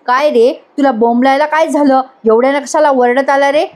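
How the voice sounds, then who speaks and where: A woman's voice: sits high, fairly even intonation, normal speed, close to an everyday voice. A woman reading as a harsh, threatening villain. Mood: angry. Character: hot-tempered, scheming grown man, a villain.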